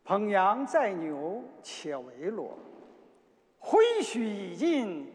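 High-pitched Shaanxi man declaiming in echoing hall. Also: big pitch swings, darkish tone. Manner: declamatory, drawn-out phrasing. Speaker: poetry performer. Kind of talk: theatrical recitation of classical Chinese poetry. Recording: long echoing hall reverb.

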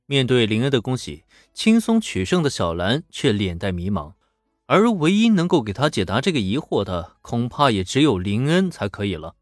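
Speaking at a moderate pace, this mid-range male voice narrates an ongoing serial in a conversational, animated style with casual asides. The recording is dry and studio quality, with faint background music.

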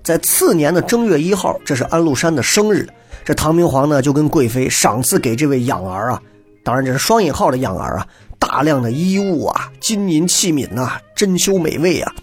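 A man telling a historical story in a lively, chatty lecture style, acting out the characters' lines and turning to the audience with asides. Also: a little high, a little fast, faint music behind.

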